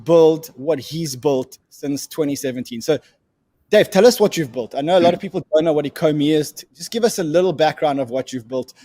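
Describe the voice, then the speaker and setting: A man's voice: on the high side, brisk, warm tone. A man hosting a casual livestream interview, joking and bantering with his guest.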